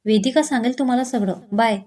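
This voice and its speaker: A woman's voice: a little high, quick pace, darkish tone, lightly acted. A woman doing a dry, matter-of-fact young man.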